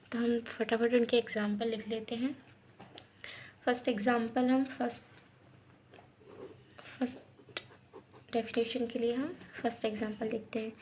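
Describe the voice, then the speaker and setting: A young woman with a fairly high, mellow voice explains a grammar lesson, pausing often to check that her students follow. Faint background noise sits under her voice. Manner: explains step by step with frequent checks. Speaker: teacher.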